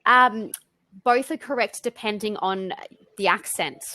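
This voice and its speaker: A woman's voice: medium pitch, unhurried, pushed and bright. Chatty Australian woman on a call. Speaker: interviewee. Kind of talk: casual video call conversation.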